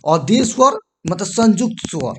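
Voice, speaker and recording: This teacher's voice is high, very animated and a bit bright, with some faint noise behind it. Working through grammar on a whiteboard, he says things more than once, keeps asking "ठीक है," and stops to fix and erase the board.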